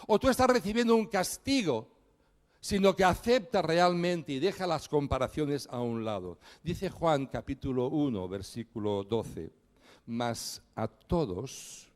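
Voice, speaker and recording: A man preaching a sermon, building emphatic repeated phrases and slowing to stress key words. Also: medium pitch, lively intonation, a little mellow, long reverb tail.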